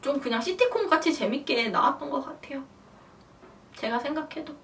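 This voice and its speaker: A young woman vlogger casually telling a personal story to camera, animated and acting out quotes. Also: high voice, fairly quick, distant mic, a little hiss or hum. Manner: animated, acts out her own past shouts and quotes.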